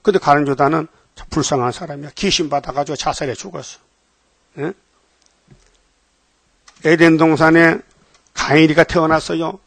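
A male pastor delivers an emphatic sermon, repeating his key words and putting rhetorical questions to the congregation. His voice sits fairly high. The recording is dry and close. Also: fairly even intonation, moderate pace, vocal fry, pauses often, a bit bright, no room sound.

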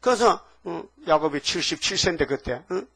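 A man in his seventies preaching a sermon in a folksy, fiery way, with sudden loud outbursts. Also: on the high side, lively intonation, moderate pace, creaky, slightly rough. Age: 70s. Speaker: pastor.

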